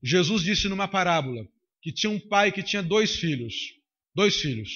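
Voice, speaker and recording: A man's voice: high voice, lively intonation, moderate pace, fairly bright tone. A man preaching a sermon into a handheld microphone, emphatic and repetitive. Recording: dull lo-fi recording.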